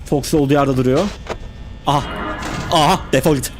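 A man's voice: on the high side, a little fast, over music. A young man live-streaming a horror game, reacting tensely and chatting with his viewers.

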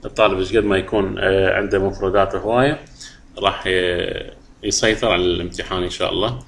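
A middle-aged man with an Iraqi Arabic accent teaching a lesson. He reads English phrases slowly and deliberately, then explains them. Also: low voice, fairly even intonation, vocal fry, a bit bright. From Iraq.

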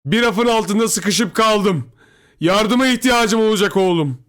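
Man playing desperate father yelling from far off, high and loud, horror tale. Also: unhurried. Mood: shouting. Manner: shouting, distant-sounding. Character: father's voice calling from the dark, desperate.

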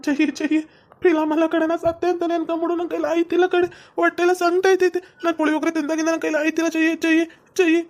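A woman's voice: very high-pitched, little pitch movement. Woman playing a moaning sick village husband. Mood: groaning.

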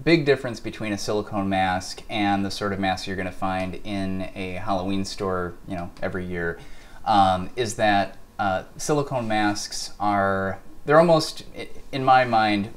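Low-voiced man explaining in a workshop. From Wisconsin. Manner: measured, many fillers. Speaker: mask company owner and artist. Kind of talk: interview, explaining products. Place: workshop showroom, indoors.

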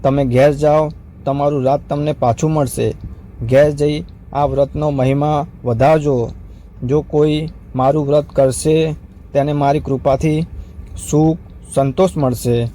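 A man reading the lines of a benevolent mother goddess who hands out blessings and commands, in a solemn, steady voice. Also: on the high side, a little slow, slight background noise, lightly acted.

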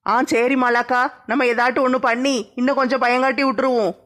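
Lady playing a mischievous village girl, playful plotting, flat-ish high voice. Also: quick pace. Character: mischievous young village woman, prankster.

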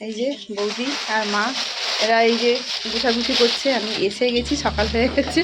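Woman chatting to her vlog viewers, fairly high voice, noisy handheld camera sound. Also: steady tone, moderate pace. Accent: Bengali. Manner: chatty, talks straight to viewers. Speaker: vlogger. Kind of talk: casual vlog narration. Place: home, then outdoors at a temple in rain. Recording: noisy outdoor sound, rain and traffic.

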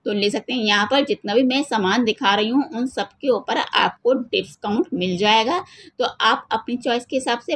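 A woman's voice: fairly high pitch, fairly bright tone. A woman filming a shopping vlog in a store, steadily listing the price of each item and calling her viewers friends. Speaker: shopping vlogger. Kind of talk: casual product walkthrough. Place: indoors, large retail store.

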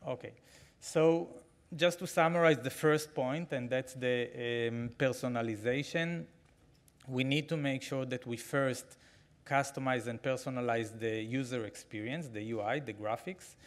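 A man's voice: mid-range voice, unhurried. Man giving a keynote at a podium. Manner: conversational, animated, frequent fillers, gestures while talking. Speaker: keynote speaker. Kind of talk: conference keynote. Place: large conference hall, at a podium. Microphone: podium microphone.

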